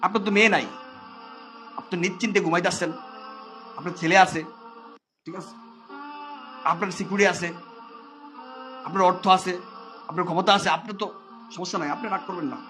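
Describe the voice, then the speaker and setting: A man's voice: sits high, fairly even intonation, fairly quick, pauses often, sharp tone, faint music behind. A man, a father, speaking, with bitter mock-pleading sarcasm and repeated refrains. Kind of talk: sarcastic social commentary.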